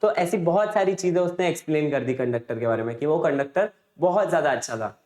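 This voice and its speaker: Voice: medium pitch, lively intonation, a little fast, a little mellow. A teacher giving an exam revision lesson, retelling a chapter's story in a conversational way with frequent rhetorical questions. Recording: roomy echo.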